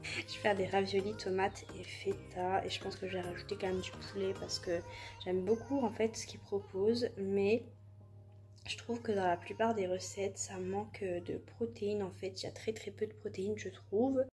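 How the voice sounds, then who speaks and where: A woman's voice: medium pitch, fairly even intonation, moderate pace, a little mellow, faint music behind. A woman in her twenties, a student vlogger, talking casually to the camera in a chatty, rambling way with apologetic asides. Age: 20s. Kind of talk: casual vlog chat to camera.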